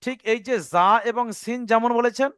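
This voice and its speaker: Man, teacher, high voice, dry close sound, patient, repeats and sounds out letters. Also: moderate pace, a bit bright, smooth, no room sound. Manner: patient, repeats points, checks understanding; demonstrates sounds aloud. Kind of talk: Arabic letter pronunciation lesson.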